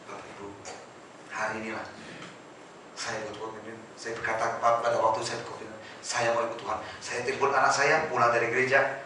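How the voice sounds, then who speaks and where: A middle-aged man giving a personal testimony at a church prayer service, swinging between loud, emotional passages and hushed ones as he speaks to the congregation. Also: mid-range voice, little pitch movement, brisk, noisy background. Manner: addresses the congregation directly. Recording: echoey church hall from a distance.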